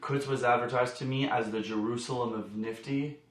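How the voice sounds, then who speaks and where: A young man, a camp song leader, telling his story in an animated, emphatic way. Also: medium pitch, moderate pace, roomy sound, poor audio. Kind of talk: casual interview talk.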